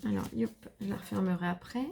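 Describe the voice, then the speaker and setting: Gushing French woman with a gravelly voice. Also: medium pitch, quick pace, warm tone. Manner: gushing, enthusiastic, chatty. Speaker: scrapbooking vlogger. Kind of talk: casual unboxing chat to viewers.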